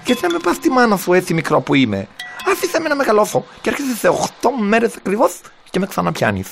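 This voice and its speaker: Storybook role: a sly, mocking little fish with a high voice that swoops all over, played by a man, with a gravelly edge. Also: huge pitch swings, faint music behind, exaggerated voice. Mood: pleading. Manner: pleading, then teasing. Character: small bony talking fish, sly and mocking.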